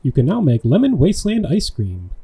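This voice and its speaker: A laid-back man giving casual gameplay commentary with wry little jokes, his voice dark and somewhat husky. His pitch moves around a lot as he reacts to the game. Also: wildly swooping pitch, a little fast. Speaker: let's play host.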